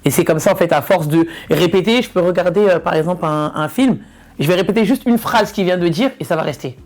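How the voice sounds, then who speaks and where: Woman from Ivory Coast, comedian guest, casual interview, lively, repeats words for emphasis. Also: on the low side, quick pace.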